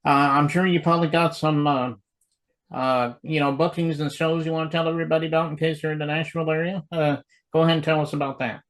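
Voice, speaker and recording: Man, interview host, easygoing, filler-heavy, slightly high pitch. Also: level tone, fast talker, a bit bright, rough recording. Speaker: show host.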